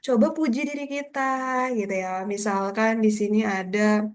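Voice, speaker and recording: A woman with a high voice runs a beginners' public speaking class. She speaks to the room in an encouraging way, warmly addressing them as ladies and gentlemen. She reads example sentences and tongue twisters aloud to show the technique. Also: fairly even intonation, unhurried. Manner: encouraging, addresses audience as Bapak Ibu and kakak-kakak. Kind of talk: workshop lecture.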